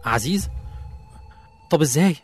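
A man's voice: on the high side, lively intonation, moderate pace, faint music behind, close to an everyday voice. A man with an Egyptian accent playing a young businessman who stammers in disbelief. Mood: shocked. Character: shocked young businessman betrayed by colleagues. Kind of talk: radio drama acting.

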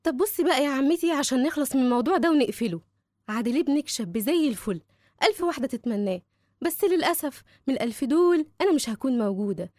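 A woman's voice: high-pitched, expressive, fast talker, a little mellow, dry recording, studio quality. A woman with an Egyptian accent playing a strong-willed teenage schoolgirl in a drama, firm, sassy and emphatic. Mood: fed-up, firm. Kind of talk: dramatic dialogue.

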